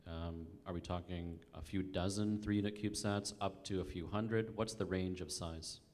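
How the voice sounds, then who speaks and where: A man judging a pitch competition, putting direct questions off the cuff. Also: fairly even intonation, moderate pace, a little mellow. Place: large conference hall. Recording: echoey hall, long reverb.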